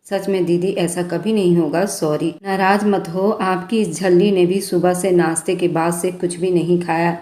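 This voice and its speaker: A woman's voice: on the low side, steady tone, moderate pace, hardly any pauses, warm tone, lightly acted. Playful young woman, read by the narrator, chatty, roomy echo. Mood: pleading. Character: chatty, playful young female office worker. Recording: echoey room.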